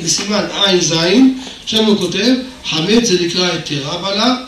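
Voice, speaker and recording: A man's voice: high-pitched, fairly bright tone. An older man giving a Torah lecture, telling stories and acting out the dialogue, with emphatic bursts. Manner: storytelling, acts out dialogue, rises to emphatic bursts. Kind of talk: sermon with told anecdotes. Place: hall of a religious institution. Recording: very echoey hall, voice from far off, faint noise.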